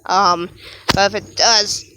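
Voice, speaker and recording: A woman's voice: mid-range voice, a little slow, noisy background. A young adult woman talking casually in a rambling vlog monologue, laughing often and breaking off to apologize. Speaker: vlogger.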